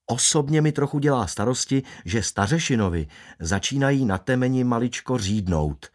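A man's voice: medium pitch, expressive. A man narrating a first-person audiobook in a wry, ironic way.

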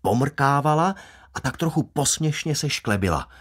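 A man's voice: mid-range voice, animated, breathy edge. A man narrating a first-person audiobook in a wry, ironic way.

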